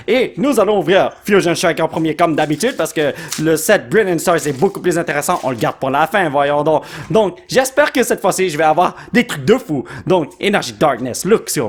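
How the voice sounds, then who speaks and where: Give me an excitable Québécois man whose high, lively voice leaps around as he tears open card packs at home and rattles off every card name. He teases his son between pulls in a casual, playful way. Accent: Québécois French. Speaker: YouTuber host. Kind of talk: card pack opening commentary.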